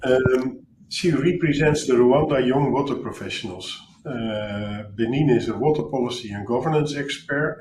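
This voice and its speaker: A man's voice: mid-range voice, a little mellow, reverberant, slight background noise, poor audio. Dutch-accented man moderating a webinar. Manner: hesitant, filler-heavy introductions. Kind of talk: hosting an online panel.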